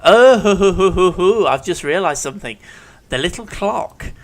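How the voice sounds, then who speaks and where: Sick with a cold and a sore throat, this let's play commentator talks through his game in his home living room, chatting and musing aloud. He speaks slowly in a high-sitting voice with lively intonation.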